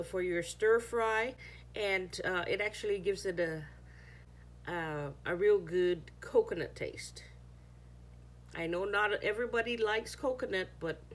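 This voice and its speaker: A woman whose first language is Chamorro chats casually in a home how-to cooking video, occasionally hunting for the right word. Her voice sits on the low side, and there's a little background noise.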